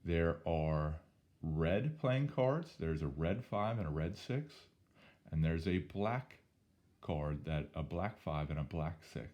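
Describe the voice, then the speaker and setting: Slow, deep-voiced hoarse male teacher. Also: lively intonation, a little mellow, lo-fi sound. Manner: casual, chatty, talks through each step. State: hoarse, losing his voice. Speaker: statistics teacher. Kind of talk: recorded math lesson walkthrough.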